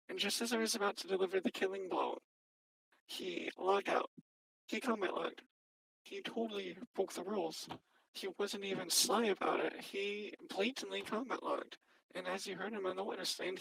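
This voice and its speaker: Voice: medium pitch, gravelly, a bit bright, husky, no echo, poor audio. A person speaking through a voice changer, testifying defensively as the accused in a game-server mock trial. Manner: defensive, self-justifying.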